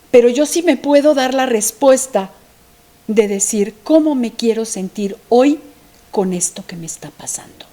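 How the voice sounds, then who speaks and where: Woman, grief lecture, reflective questions, unhurried delivery, mellow tone. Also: on the high side. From Mexico. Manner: asks herself many questions, drops to a soft near-whisper. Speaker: thanatology lecturer.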